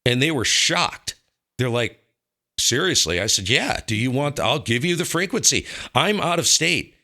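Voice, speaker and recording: A man from the northern U.S. hosts a ham radio program, his medium-pitched voice animated, bright and pushed, at a normal speed. He talks casually about radio operating, stating strong opinions and repeating himself for stress.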